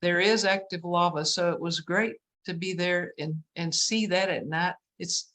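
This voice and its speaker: A woman's voice: fairly low pitch, fairly even intonation, fairly bright tone, low-quality recording. West Texan woman on a video call. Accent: West Texas. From West Texas. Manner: self-deprecating, halting with restarts. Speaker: guest painter. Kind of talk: casual interview chat.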